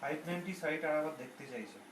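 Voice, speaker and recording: A woman's voice: low voice, lively intonation, racing. A woman briefly reading out viewers' questions during a live sale, in a matter-of-fact way. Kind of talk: casual relaying of questions. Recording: roomy, distant, loud noise.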